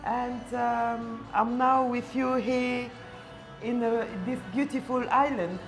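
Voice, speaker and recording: A woman, born in Congo, speaking calmly and reflectively as an interview guest in a coffee shop. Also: fairly high pitch, takes it slowly, faint music behind. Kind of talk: casual interview.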